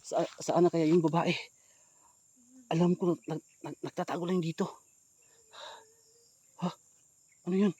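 A man vlogging as a ghost hunter outdoors in the countryside, calling out loudly to someone and then dropping to hushed asides for his viewers. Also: on the high side, level tone, measured pace, long pauses, slightly rough. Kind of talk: outdoor staged vlog narration.

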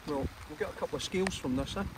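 A Scottish man talks in a relaxed, chatty way while angling outdoors on a riverbank, slipping in local dialect words. His voice sits a little high and comes from a short distance off the camera mic. Steady outdoor noise runs underneath. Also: very fast. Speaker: angler. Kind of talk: casual chat.

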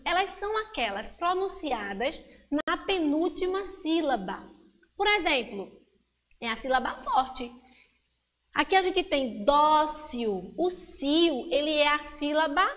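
Brazilian woman, teacher, high voice, patient explaining, slows on example words. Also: a bit bright. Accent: Brazilian Portuguese. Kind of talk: classroom grammar lesson for children.

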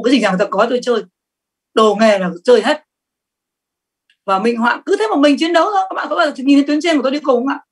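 High-voiced woman trainer. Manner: lively, emphatic, asks the audience questions. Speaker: sales trainer. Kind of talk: seminar talk to an audience.

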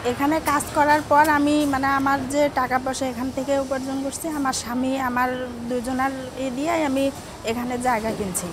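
A woman factory worker in an interview, talking in rapid, plain speech. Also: sits high, steady tone, background noise.

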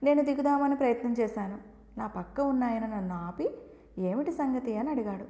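A woman reading a story aloud, telling it in an expressive first-person way. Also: fairly high pitch, brisk. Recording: echoey room with long reverb.

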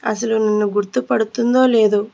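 A woman voicing a young male prisoner on death row who answers quietly and with resignation. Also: on the high side, fairly even intonation, moderate pace, gravelly. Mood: resigned.

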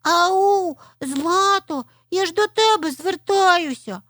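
A woman voicing a little girl fox cub, eager and curious, with a high, lively childlike voice in a storybook tale. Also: normal speed, no room sound, studio quality. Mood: insistent.

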